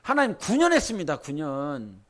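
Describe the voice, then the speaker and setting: A man's voice: fairly high pitch, wildly swooping pitch, moderate pace, fairly bright tone. A man preaching a sermon as pastor, leading the congregation in scripture reading and building to fervent exhortation. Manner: leads congregation in Bible reading.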